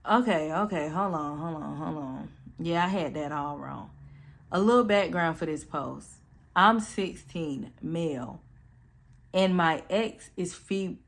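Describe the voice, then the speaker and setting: A woman reading forum posts aloud in a calm voice, then reacting with blunt, sassy commentary. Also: fairly low pitch, vocal fry. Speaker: storytime channel host.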